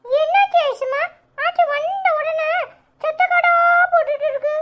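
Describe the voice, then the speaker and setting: A woman voicing a small excitable child in a cartoon, chattering and teasing with a Tirunelveli Tamil accent. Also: very high voice, unhurried, pitched above the performer's own voice.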